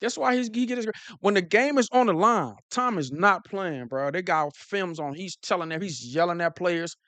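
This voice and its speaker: A man hosting a casual live stream, talking fast and excitedly, repeating himself and using slang. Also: sits high, no room sound. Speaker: football streamer host.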